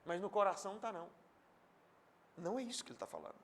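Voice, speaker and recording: A male pastor delivers a sermon in a high, very lively voice. He swings between loud, emphatic bursts and quiet asides, and acts out imagined speakers in direct quotes. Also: fast.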